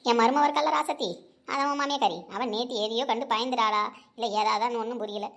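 A woman voicing a sharp-tongued old village grandmother in a cartoon, gruff and scolding. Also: fairly high pitch, steady tone, fast talker. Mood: worried. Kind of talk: cartoon voice acting.

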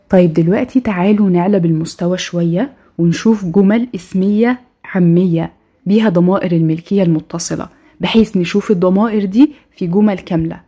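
A woman with an Egyptian Arabic accent giving a recorded language lesson, saying each word twice, slowly, for practice. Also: lowish voice, mellow, slightly rough. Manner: slow, repeats each word twice for drill. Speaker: language teacher.

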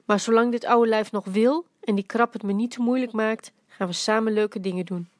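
A woman's voice: a little high, steady tone, normal speed, no room sound, close to an everyday voice. A woman reading the lines of a playful, teasing old grandfather who jokes in rhymes, in her own voice. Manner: dry joking, rhyming quips.

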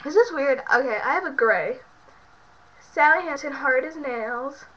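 Unhurried and expressive, a young woman with a high, fairly bright voice rambles through a casual beauty product show-and-tell, leaning on lots of fillers. She sounds sick and congested and is filming in her bedroom at home. Her built-in webcam mic gives the recording a muffled, lo-fi quality.

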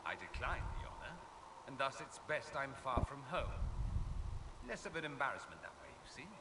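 A man's voice: medium pitch, very animated, normal speed, far from the mic, very noisy. A man voicing a charming, haughty male noble mage in video game dialogue, proud and witty with theatrical flourishes. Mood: wry, proud.

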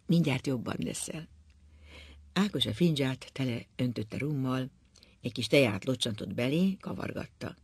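A man reading a literary novel aloud as an audiobook narrator, in a measured, even way. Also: mid-range voice, husky, no echo.

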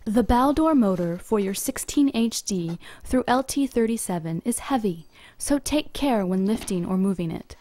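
Calm woman narrating instructions. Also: mid-range voice. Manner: even, measured, step-by-step delivery. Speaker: company video narrator. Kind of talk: scripted instructional voice-over.

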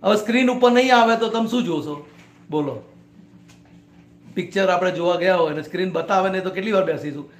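A man's voice: sits high, a little fast, pauses often. A man, a spiritual teacher, giving a discourse to a small gathering in a private home and often putting short questions to his listeners. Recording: echoey room.

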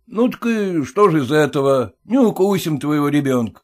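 Man doing a rude domineering merchant landlord, prying, raised lively voice, storybook. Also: a little high, normal speed. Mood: blustering.

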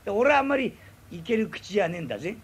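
A man voicing an easygoing townsman who coaxes and chides his drinking companion in rough, teasing Tokyo speech, in rakugo storytelling. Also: sits high, sing-song, very fast, exaggerated voice. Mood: coaxing. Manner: coaxing, teasing banter in rough Edo speech.

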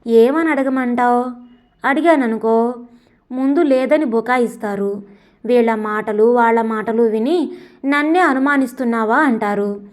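A woman's voice: fairly high pitch, lightly acted. A woman voicing a resigned married woman who reasons things through steadily. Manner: measured, reasoning.

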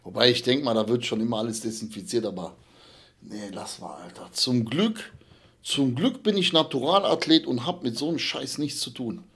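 A man's voice: medium pitch, moderate pace. A man in his thirties giving casual, slangy, blunt live reaction commentary as a streamer. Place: indoor streaming room.

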